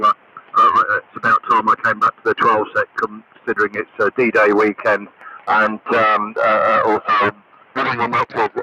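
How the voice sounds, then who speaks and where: A man, an amateur radio operator, checks in on a ham radio net in an unhurried, technical, halting way through a gritty carbon granule microphone. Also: lowish voice, lo-fi sound. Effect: gritty carbon granule microphone sound. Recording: crackly distant AM shortwave broadcast.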